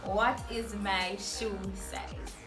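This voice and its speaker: A woman's voice: medium pitch, steady tone, very slow. A woman with a Jamaican accent hosting a casual couple's quiz vlog. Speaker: vlog host. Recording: echoey, distant mic, music behind.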